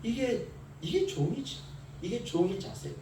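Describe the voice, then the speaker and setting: In a church sanctuary, a male pastor gives an early-morning sermon in a high-sitting, very animated voice at normal speed. He tells stories and acts out the quoted voices of a servant and a master. The audio is from far off in an echoey church hall, with faint hiss.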